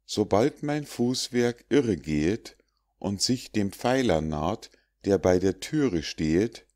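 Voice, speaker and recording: A man voicing a gullible, blindfolded peasant boy from a storybook fable who calls out loudly to his friends. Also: lowish voice, animated, takes it slowly, no room sound, clean studio sound. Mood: calling out. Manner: calling out loudly.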